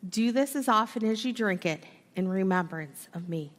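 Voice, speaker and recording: A woman pastor reciting the communion liturgy in a formal, measured way, her voice carrying the long echo of a large church. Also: mid-range voice, animated. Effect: long echo of a large church hall. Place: church sanctuary during a service. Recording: reverberant church sanctuary.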